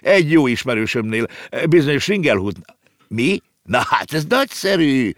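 A man's voice: mid-range voice, sing-song, no echo, studio quality, voice pushed up, natural voice. A man voicing a courteous, matter-of-fact talking circus horse in a storybook reading.

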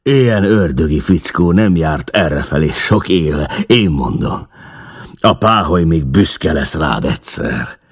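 A man voicing a gruff middle-aged gang boss who talks in a blustering, commanding way. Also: very deep voice, expressive, heavily acted. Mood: approving.

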